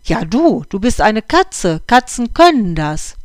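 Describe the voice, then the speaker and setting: A storyteller voicing Oskar, a calm and experienced male house cat who explains things patiently, in a dry recording. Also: medium pitch, takes it slowly, dry recording.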